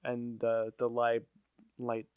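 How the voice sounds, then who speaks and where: A man's voice: medium pitch, monotone, takes it slowly, smooth, no room sound, phone-quality sound. Weary, dry-voiced man recapping a cartoon. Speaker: podcast co-host. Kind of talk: casual chat recapping a cartoon episode.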